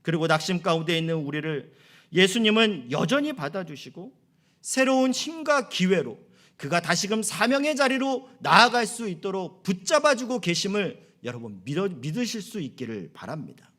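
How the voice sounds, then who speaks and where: A man's voice: high-pitched, big pitch swings, moderate pace, a bit bright. A middle-aged man preaching a sermon as pastor, earnest, lifting his voice on key phrases. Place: church sanctuary.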